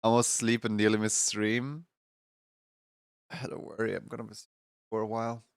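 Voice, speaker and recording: A man's voice: lowish voice, monotone, moderate pace, creaky, smooth, no echo, studio quality. A man streaming live, chatting casually with his viewers in a stuffy morning voice, rambling and laughing often. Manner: rambling, laughs often, greets chat members by name. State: congested morning voice.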